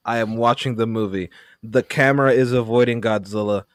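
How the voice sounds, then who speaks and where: A man's voice: mid-range voice, fairly even intonation, brisk, clean tone, no echo, studio quality. A man co-hosting a casual panel podcast, joking and arguing with frequent restarts. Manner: joking, argues with hesitant restarts. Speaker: podcast co-host.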